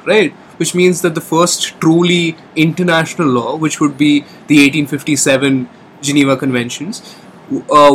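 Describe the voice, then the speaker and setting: A man's voice: a little high, a little hiss or hum, low-quality recording. A man on a podcast panel confidently explaining his view, often checking in with his listeners. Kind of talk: casual explanatory discussion.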